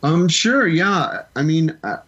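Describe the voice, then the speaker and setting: A man's voice: a little high, lively intonation, slow, fairly bright tone, slightly rough, highs cut off. A man from the American Midwest, a film composer, telling his story in a casual interview with enthusiastic, rambling sentences.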